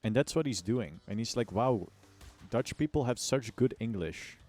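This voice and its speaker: Music runs under this animated, medium-pitched American man as he chats on a gaming livestream at a moderate pace. His tone is darkish, and he fills the talk with slangy jokes and playfully overblown complaints.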